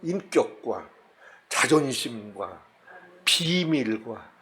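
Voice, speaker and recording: A male pastor with a Jeolla Korean accent preaching a Sunday sermon, animated and acting out scenes. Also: mid-range voice, very slow. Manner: animated, acts out scenes with voices and laughs.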